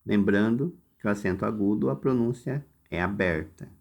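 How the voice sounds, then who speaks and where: A man with a Brazilian Portuguese accent teaching a recorded lesson, explaining exercises slowly and step by step, directly addressing his students. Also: fairly low pitch, gravelly, darkish tone. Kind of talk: recorded lesson walking through workbook exercises.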